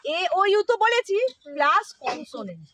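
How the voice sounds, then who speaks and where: A woman's voice: high voice, wildly swooping pitch, normal speed, fairly bright tone, a little hiss or hum. A woman teaching a classroom phonics lesson, quizzing the children with repeated questions and prompts.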